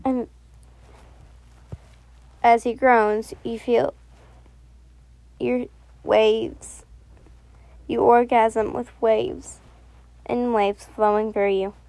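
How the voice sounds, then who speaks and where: Slow, gravelly-voiced woman narrator. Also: fairly high pitch, level tone, dry recording. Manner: soft, unhurried reading with self-corrections. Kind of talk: second-person audio story reading.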